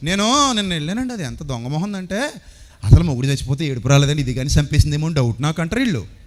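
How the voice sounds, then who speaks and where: A man's voice: expressive, quick pace, big-room sound. A man preaching a sermon, asking the congregation rhetorical questions and acting out other people's voices. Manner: acts out voices of others in sudden pitch swings. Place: church or seminar hall.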